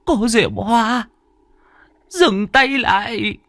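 A man's voice: extremely high pitch, sharp tone, dry recording, pitched above the performer's own voice, full character voice. Man playing a stern, frightened old grandmother. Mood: pleading. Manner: urgent, pleading, drawn-out words.

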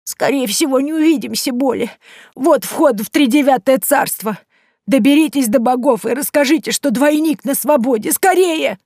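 Woman doing a shrill frantic old witch. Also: moderate pace, no echo, studio quality. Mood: hurried. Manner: shrill, shouting and snapping back. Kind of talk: audiobook character voice.

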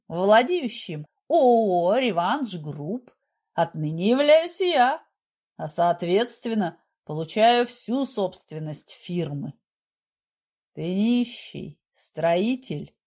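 A woman voicing a smug, menacing middle-aged businessman who speaks with low, slow, mock-gentle condescension. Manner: condescending, turns harsh.

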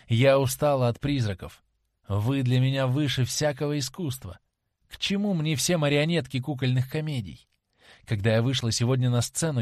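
A man reading as a lovesick young actress, pleading softly. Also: medium pitch, no echo, studio quality, lightly acted. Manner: tender, dreamy and imploring, slowing on heartfelt phrases. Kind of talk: audiobook character reading.

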